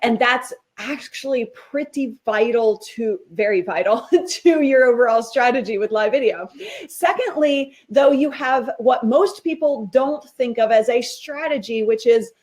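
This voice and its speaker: A woman's voice: fairly high pitch, a little slow, a little mellow. A woman guest on a talk show, explaining her work in an upbeat, explanatory way. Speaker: guest, live video strategist. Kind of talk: interview answers.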